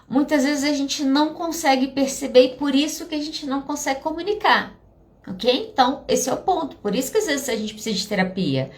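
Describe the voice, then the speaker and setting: A middle-aged Brazilian woman, a psychologist, giving casual advice and telling stories while speaking straight to her viewers. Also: high voice. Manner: animated storytelling, addresses viewers directly.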